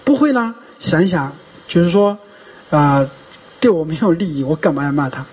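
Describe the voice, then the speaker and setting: A man's voice: fairly high pitch, normal speed, husky. A man, a Buddhist monk, giving a sermon, telling stories and asking rhetorical questions. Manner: storytelling, animated, rhetorical questions. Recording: dull lo-fi recording.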